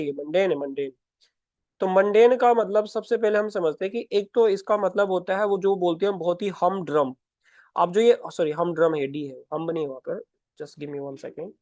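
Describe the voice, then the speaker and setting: A man's voice: high-pitched, darkish tone, no echo. A man teaching vocabulary for exams in Hindi. He explains patiently, says each word aloud again and corrects himself mid-sentence. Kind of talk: exam-prep vocabulary lesson. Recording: slightly dull, dry audio.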